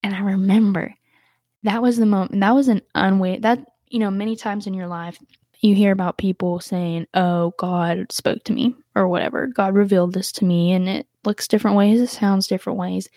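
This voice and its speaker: A young adult woman hosting a podcast, telling a personal story in a casual, chatty way with lots of "like" fillers and lively jumps in pitch when she quotes others. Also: normal speed, no room sound, studio quality. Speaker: podcast host.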